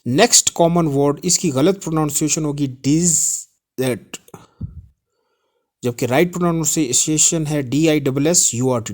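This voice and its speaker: A man teaching English pronunciation in a spoken lesson, spelling out letters and repeating each word slowly. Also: on the high side, a little mellow.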